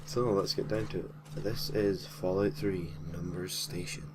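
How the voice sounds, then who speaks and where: At a measured pace, a man with a low voice and steady tone narrates while the background stays noisy. He is the host and narrator of a gaming creepypasta series, reading a gaming story from a script informally, with casual, slightly hesitant asides.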